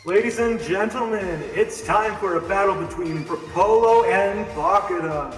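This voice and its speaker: A man's voice: sits high, measured pace, echoey room, in a large hall, faint music behind, voice pushed up, rough recording. A man announcing a game battle through a voice changer, in a showy announcer manner. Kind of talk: mock announcer on a livestream.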